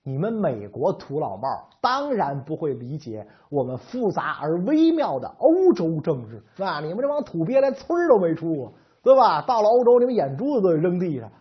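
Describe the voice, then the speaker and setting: A man's voice: high voice, big pitch swings, a little fast. A man voicing a haughty male foreign envoy who talks down with mocking scorn. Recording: slightly dull lo-fi recording.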